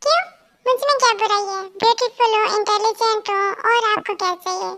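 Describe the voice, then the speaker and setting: A woman voicing a bold, teasing young newlywed wife in a fan audio story, high-pitched and playfully sarcastic. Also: fairly quick, a bit bright, a little hiss or hum. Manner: cheeky, playful, sweetly sarcastic.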